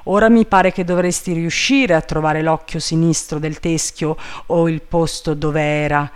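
A man voicing an excitable, anxious male gentleman who shouts urgent orders up a tree. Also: fairly high pitch, moderate pace, clean tone, close to an everyday voice. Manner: urgent, agitated calling out.

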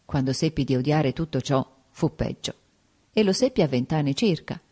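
Woman reading a novel aloud, slow and steady, deep mellow voice. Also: slightly rough. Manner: measured, unhurried storytelling. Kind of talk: literary audiobook narration.

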